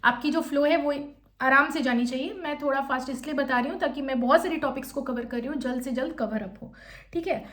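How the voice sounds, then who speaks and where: A young woman with a high, bright-toned voice talks quickly through interview coaching. She explains each point step by step and then models the sample answers herself. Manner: fast-talking, admits speaking quickly. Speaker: teacher coaching interview candidates. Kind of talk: exam-prep lesson with modelled interview answers.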